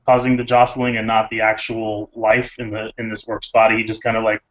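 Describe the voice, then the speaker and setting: A man's voice: fairly low pitch, completely flat delivery, fairly quick, a bit bright, muffled recording. A man playing a tabletop role-playing game, narrating his character's actions in a rambling way with many fillers. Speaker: player. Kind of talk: casual tabletop play and narration.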